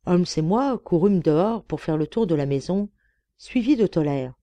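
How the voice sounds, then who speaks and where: Mellow-voiced woman reading a story. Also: lowish voice, animated, moderate pace, no room sound, dull audio. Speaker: audiobook reader. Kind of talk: scripted narration.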